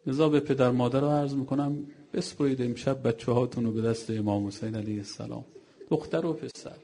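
A man's voice: medium pitch, fairly even intonation, mellow, slight background noise. A man preacher giving an emotional religious mourning sermon, telling a story and exhorting his listeners.

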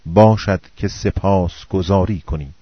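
Male reader, low voice, solemn measured scripture reading, dull dry recording. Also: no room sound. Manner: slow, solemn recitation in short phrases.

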